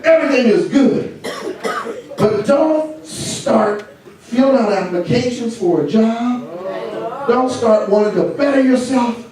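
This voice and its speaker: A man with a high voice preaches a lively sermon, mocking and laughing as he goes. He is picked up from far off in a very echoey church. A congregation is clearly heard around him. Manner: animated, mocking, laughing asides. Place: church sanctuary.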